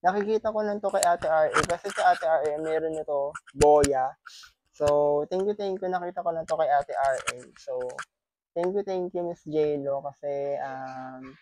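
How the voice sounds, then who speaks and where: A man's voice: a little high, unhurried, background noise. A man from the Philippines chatting casually in an unboxing vlog, repeating his thanks and teasing playfully. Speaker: vlogger. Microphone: wireless clip-on microphone.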